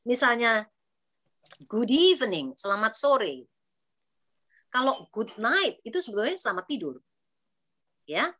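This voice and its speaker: A woman's voice: a little high, sing-song, a little slow, pauses often, a bit bright. A woman with an Indonesian accent teaching an English lesson over a video call, patiently repeating words for the class to copy.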